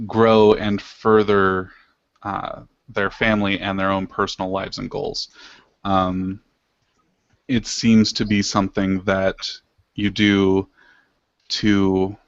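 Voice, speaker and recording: A man's voice: fairly low pitch, clear, resonant tone, dry recording. A man hosting a casual podcast discussion, speaking hesitantly as he searches for words, on a dull lo-fi recording. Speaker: podcast host. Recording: dull lo-fi, dry.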